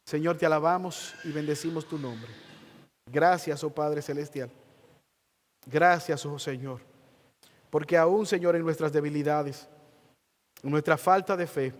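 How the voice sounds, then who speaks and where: A male pastor preaches in a slow, earnest way and leans hard on key words. His voice sits fairly high for a man. It carries a long reverb from the church hall. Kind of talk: sermon ending in prayer.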